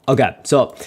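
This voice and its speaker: While editing on a livestream, a young man chats away in a loose, rambling manner, poking fun at himself and dropping the odd swear word. He laughs often, and his stories make him louder and higher-pitched.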